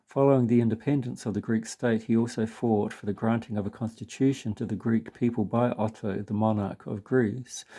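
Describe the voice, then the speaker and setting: A priest reading a spiritual book aloud in a measured, earnest way, now and then stumbling over a word. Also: male voice, mid-range voice, warm tone.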